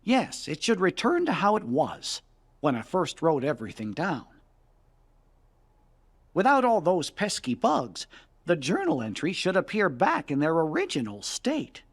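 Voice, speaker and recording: A man voicing an earnest, cheery little cartoon cricket who keeps a journal, in an animated video game. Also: a little high, a little slow, full character voice. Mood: earnest, glad.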